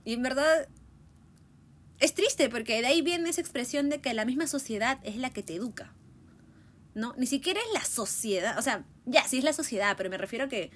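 A woman in her twenties thinking aloud in a relaxed monologue, musing and often ending her points with a questioning tag. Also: a little high. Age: 20s. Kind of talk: reflective casual monologue.

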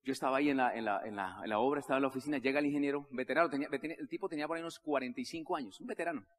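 A man's voice: mid-range voice, rapid-fire, big-room sound. A Colombian man giving a motivational talk to a live audience, telling a story and acting out the dialogue with many repetitions. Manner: animated, acts out dialogue with repetitions. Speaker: motivational speaker.

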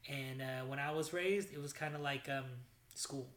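A man in his thirties hosting a casual chat, telling stories in a chatty, animated way. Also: mid-range voice, moderate pace, echoey room. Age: 30s. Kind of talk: casual conversation.

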